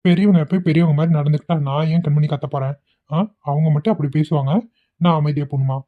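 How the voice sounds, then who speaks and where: A woman's voice: sits low, steady tone, quick pace, phone-quality sound, close to an everyday voice. A woman voicing a blunt, short-tempered young husband in a cartoon, talking in a curt, scolding way. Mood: irritated.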